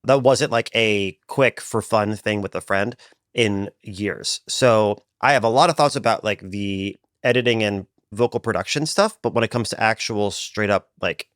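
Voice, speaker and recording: Tired male podcast co-host, lowish voice, dry close sound, animated casual talk. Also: normal speed, no echo. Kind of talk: casual chat.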